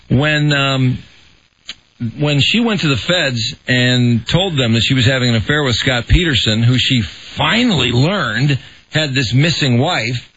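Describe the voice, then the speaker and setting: A man's voice: medium pitch, fairly bright tone, breathy edge. A male radio talk host reading listener emails aloud and explaining at length. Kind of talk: radio talk show chat. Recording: muffled radio broadcast.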